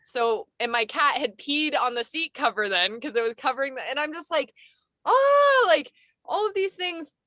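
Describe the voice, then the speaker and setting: Bright, dry-voiced woman host telling a story. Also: high voice, normal speed, dry recording. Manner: animated storyteller, acts out her own reactions. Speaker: podcast host. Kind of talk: casual conversation. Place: camper van.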